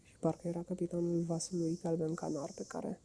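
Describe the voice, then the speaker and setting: A woman narrating a children's classic in an expressive storytelling manner. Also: on the low side, breathy edge. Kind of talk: audiobook narration.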